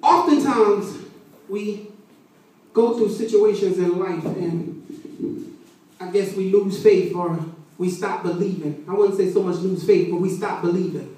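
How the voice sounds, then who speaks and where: A woman preaching a sermon in a church, her voice swelling into shouted, sing-song passages, recorded on a phone from across the room. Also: medium pitch, measured pace, pauses often, a little hiss or hum. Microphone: phone camera from across the room. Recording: echoey church hall from far off.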